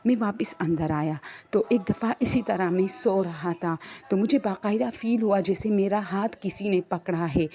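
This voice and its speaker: Mellow-voiced woman hesitantly narrating horror. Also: mid-range voice. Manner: hesitant, many fillers and restarts. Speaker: storyteller. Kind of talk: first-person horror story narration.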